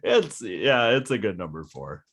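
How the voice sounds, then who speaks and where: A man co-hosting a casual podcast chat over a video call, relaxed and laughing often. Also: on the low side, unhurried, slightly rough. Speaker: podcast co-host.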